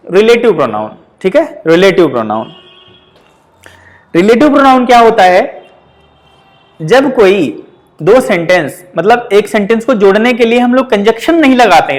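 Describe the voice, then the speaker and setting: A man with a Hindi accent teaching English grammar for exam prep, explaining patiently with frequent checks and slow example sentences. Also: high voice.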